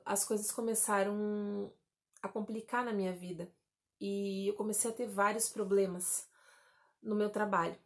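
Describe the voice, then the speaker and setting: A woman's voice: mid-range voice, darkish tone. Woman in her 30s from southern Brazil, chatty testimony vlogger who addresses her viewers directly. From Santa Catarina, Brazil. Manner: chatty, addresses viewers as "gente", many fillers like "né" and "tá". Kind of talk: personal testimony vlog.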